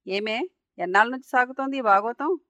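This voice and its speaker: A woman voicing a harsh, bullying middle-aged aunt in a told story, scolding and shouting sarcastically. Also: sits high, fast talker, no echo, dull audio, voice pushed up, lightly acted. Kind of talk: storytelling narration.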